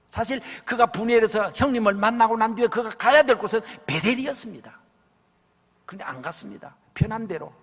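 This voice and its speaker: A male pastor preaching a revival sermon, telling stories dramatically and acting out the voices of the people in them, swinging from loud to hushed. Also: high-pitched. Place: large church sanctuary. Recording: church hall with long reverb.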